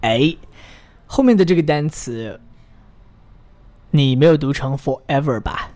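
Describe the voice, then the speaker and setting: In an English pronunciation drill, a supportive male teacher speaks in an animated, slightly high and a little mellow voice. He pronounces phrases slowly, then stops for the learner to repeat, praising them frequently.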